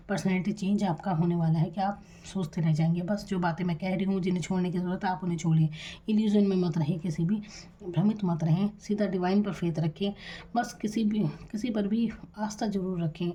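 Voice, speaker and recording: A woman from India reads tarot cards for the viewer in a hushed, calm voice. Her tone is low and mellow, steady and reassuring. A faint hum of the room sits behind her. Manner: soft-spoken, deliberately quiet. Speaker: tarot reader. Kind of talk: tarot reading monologue.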